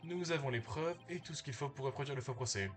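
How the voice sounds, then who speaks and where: A man's voice: medium pitch, fast talker, faint music behind, close to an everyday voice. A man doing a smug, suave young prosecutor. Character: smooth, smug young male rock-star prosecutor. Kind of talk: reading game dialogue aloud.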